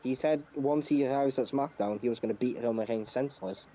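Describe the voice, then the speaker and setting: On a laid-back wrestling review podcast, this co-host speaks fairly quickly in a warm, medium-pitched voice, making emphatic points with occasional swearing. The audio comes through a muffled lo-fi mic with noticeable background noise.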